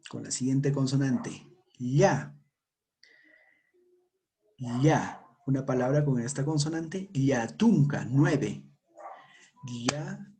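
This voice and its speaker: A man teaching a language lesson, saying each sound and word slowly and repeating it for learners to copy. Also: medium pitch, mellow. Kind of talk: slow pronunciation lesson.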